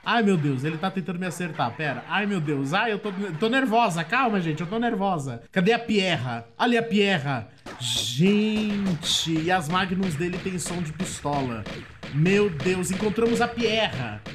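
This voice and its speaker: A man with a Brazilian Portuguese accent doing let's play commentary, chatty and excitable, often breaking into shrieks of surprise. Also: high voice, a little slow, noisy background. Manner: chatty, addresses viewers often. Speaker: gameplay commentator.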